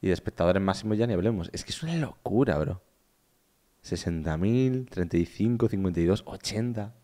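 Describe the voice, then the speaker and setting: Un hombre joven de España, streamer, comentando en directo con entusiasmo y muchas repeticiones desde su cuarto. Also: male voice, deep voice, lively intonation, fairly quick, dark tone. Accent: Spain Spanish. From Spain. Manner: enthusiastic, repetitive, chatty. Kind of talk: casual live-stream commentary. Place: his own room.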